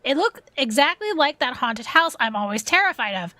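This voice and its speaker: A woman streaming a game, reading the story aloud and breaking off into excitable reactions. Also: high-pitched, moderate pace, dry recording.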